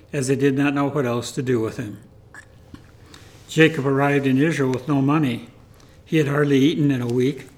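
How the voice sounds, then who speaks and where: A man retelling a testimony in an earnest, measured way, like a preacher. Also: mid-range voice, a little mellow.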